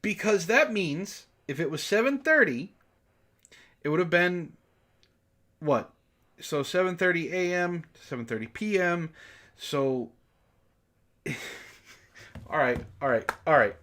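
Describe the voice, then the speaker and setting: A man with a slightly high voice, animated, bright, and pushed, speaks slowly with long pauses. He hosts a comic book club, reading fan fiction aloud and breaking off with exasperated, incredulous, mocking commentary.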